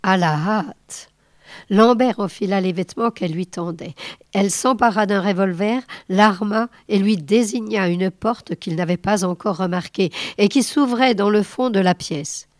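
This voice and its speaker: Slow, dry-voiced woman reading a novel. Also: medium pitch, no room sound. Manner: measured, unhurried. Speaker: reader.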